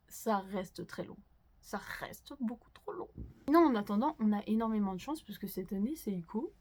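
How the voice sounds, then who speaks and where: A young woman hosting a casual manga news talk to her viewers, chatty and candid, with frequent fillers. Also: medium pitch. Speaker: manga news channel host.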